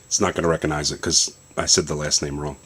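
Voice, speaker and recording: Deep-voiced male tech vlogger, easygoing explainer, talking through a gadget demo at home. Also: fast talker, slight background noise. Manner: relaxed, explanatory, loosely rambling. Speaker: tech vlogger demonstrating a phone setup. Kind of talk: casual product demo. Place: home basement.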